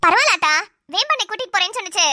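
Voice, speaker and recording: A woman's voice: extremely high pitch, expressive, racing, bright, forceful tone, no echo, exaggerated voice. A woman voicing a bold, cheeky young girl in a cartoon. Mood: reassuring. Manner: teasing, self-assured. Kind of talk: cartoon voice acting.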